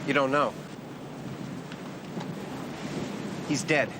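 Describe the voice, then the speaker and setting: An actor playing an exasperated grown son with an American accent, earnest and put-upon, in a comic film. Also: male voice, medium pitch, brisk, natural voice.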